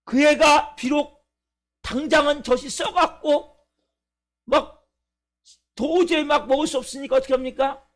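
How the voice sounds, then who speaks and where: A man's voice: very high voice, fairly even intonation, unhurried, long pauses. A male pastor preaching at a church service, emphatic, asking the congregation questions and answering them himself. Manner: acts out a crying baby's complaints. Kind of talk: sermon.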